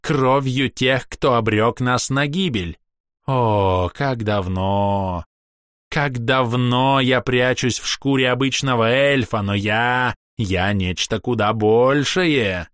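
A man's voice: mid-range voice, takes it slowly, a bit bright, dry recording, clean studio sound, pitched above the performer's own voice. A man voicing a proud, theatrical elf man who declaims with spite and a ringing voice, fiery and vengeful. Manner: grandiose, declamatory, capricious.

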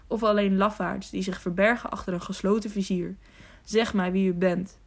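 A woman's voice: medium pitch, fairly even intonation, normal speed, lightly acted. A woman reading Tiuri, a proud young squire. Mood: defiant.

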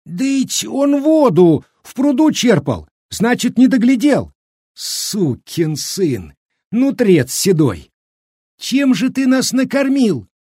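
Brief: enraged young peasant woman, wailing shrill tone, dry storybook read, by a male narrator. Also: sing-song, slow, mellow, breathy edge, no echo, exaggerated voice. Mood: furious. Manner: shrieking, wailing.

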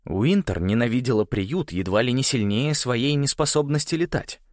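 Male narrator, expressive storytelling, animated pitch, dry booth sound. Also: moderate pace, dry recording. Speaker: audiobook narrator. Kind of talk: scripted narration.

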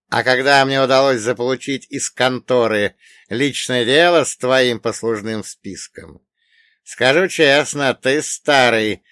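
A man plays a sneering middle-aged oligarch in an audiobook. The voice is cold, contemptuous and louder than the narration around it, with sharp barked words. The recording is dry and close. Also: mid-range voice, no room sound, close to an everyday voice. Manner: scornful, barking.

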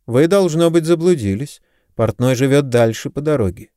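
A man voicing a sharp-tongued washerwoman in charge, with a mocking manner. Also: mid-range voice, animated, moderate pace, no echo, studio quality, voice pushed up, lightly acted.

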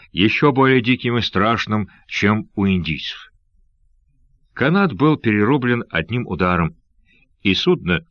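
A male narrator with a low voice reads an adventure novel from a script, steady and measured, much like a classic audiobook. The recording is dry, with no room sound and a slightly dull, lo-fi tone.

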